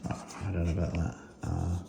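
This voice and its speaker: A man with a low, creaky, dark voice reviews and demonstrates motorcycle gear as host, speaking fairly quickly in a completely flat tone. The demo is casual, hands-on and unscripted, and he thinks aloud with some hesitation. The recording has a roomy echo and faint noise.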